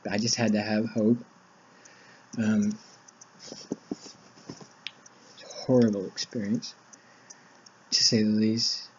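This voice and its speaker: Halting man recounting visions, muffled audio. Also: lowish voice, level tone, darkish tone, slight background noise. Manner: halting, full of restarts and fillers, emotional. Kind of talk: personal testimony monologue. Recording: dull lo-fi recording.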